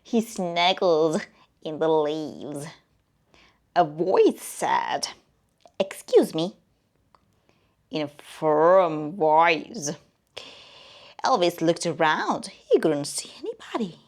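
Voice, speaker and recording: A woman narrating a children's story as a friendly owl, in a slow, expressive way that often drops to a whisper. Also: sits low.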